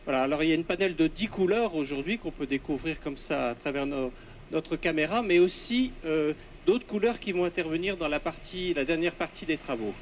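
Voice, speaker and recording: Male priest, higher voice, earnest, searching for words, interviewed in a noisy, echoey church. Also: animated, fairly quick. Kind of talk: spontaneous interview answers. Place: inside a church under renovation. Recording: echoing church interior with works noise.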